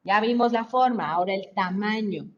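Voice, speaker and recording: A woman teaching a biology class online in Mexican Spanish, explaining slowly and checking in with the students again and again. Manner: slow, explaining step by step, frequent checking "¿sí?". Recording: muffled lo-fi mic with faint rumble.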